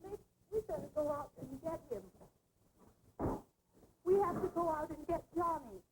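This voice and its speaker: An actress playing a young woman in shock, telling an attack in halting, tearful bursts in a 1960s horror film. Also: sits high, heavy background noise, natural voice. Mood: hysterical. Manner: halting, dazed, breaking into sobs. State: crying, in shock. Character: dazed terrified young woman recounting an attack. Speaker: film character.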